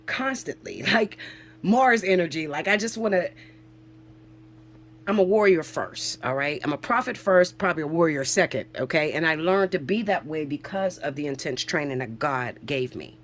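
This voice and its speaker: Speaking at a moderate pace in a low, animated voice, a forties-aged woman works as a spiritual reader talking to viewers in a relaxed vlog. She swears freely, preaches emphatically, and constantly tosses in "okay?" to check in.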